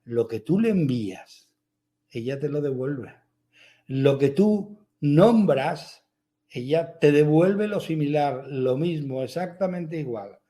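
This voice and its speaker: A man voicing a patient father who gently teaches his young son a lesson, as part of a story he tells. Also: fairly high pitch, takes it slowly. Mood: gentle teaching.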